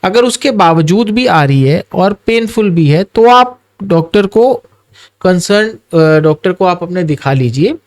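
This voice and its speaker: An orthopedic surgeon speaks in a measured, advising way, with a voice set a little high for a man. He drops into his explanations as an interview guest. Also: expressive. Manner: measured, advising, mixes English phrases.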